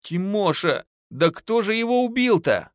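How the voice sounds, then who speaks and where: A man's voice: high-pitched, very animated, measured pace, no echo, studio quality, voice pushed up. A man voicing a terrified bearded peasant man who wails and babbles in protest. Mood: pleading.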